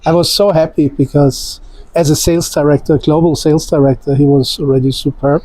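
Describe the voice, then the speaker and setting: Higher-voiced guy interviewing, mellow and gushing, dry close sound. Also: steady tone, brisk, no room sound, poor audio. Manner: effusive, admiring. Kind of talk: interview conversation.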